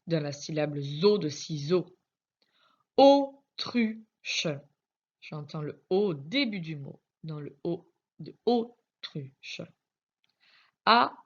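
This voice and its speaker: A woman's voice: low voice, unhurried, a little mellow, slightly rough. A woman teacher giving a recorded reading lesson to young children, carefully spelling out letters one by one. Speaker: primary school teacher. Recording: dull lo-fi recording.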